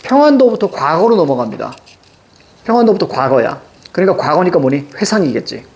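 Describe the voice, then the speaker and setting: A man's voice: a little high, a little fast. A male teacher giving a classroom lecture, often checking in with his students with short questions. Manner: lively, questioning, tags checks like "그치?". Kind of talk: classroom lecture on Korean poetry. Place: classroom with a blackboard.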